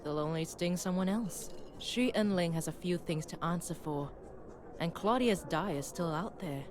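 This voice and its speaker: Actress as a low, terse noir detective woman. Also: normal speed, crowd noise, lightly acted. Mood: composed, guarded. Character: cool, world-weary female noir private detective. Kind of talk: scripted video game voice acting. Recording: game music behind the voice.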